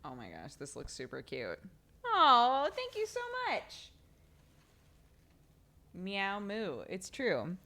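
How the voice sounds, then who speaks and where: A woman's voice: medium pitch, huge pitch swings, takes it slowly, vocal fry, pauses often, pushed and bright. A woman streamer chatting casually and reading a storybook aloud, giggly and offhand, swearing now and then.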